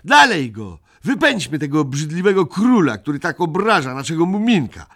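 A man voicing a rowdy, spiteful small male creature who shouts. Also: on the low side, wildly swooping pitch, fairly quick, heavily acted.

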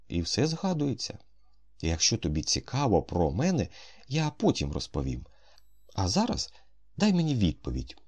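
A man's voice: low voice, darkish tone, breathy edge, exaggerated voice. A man voicing a strange, eager boy who asks endless questions in childlike wonder. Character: strange eager boy raised alone, mimic.

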